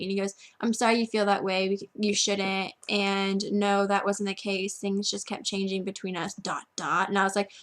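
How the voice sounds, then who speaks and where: A teenage girl, a vlogger, chats at home while telling a friend a story, packing every phrase with "like." Her voice is mid-range and slightly bright.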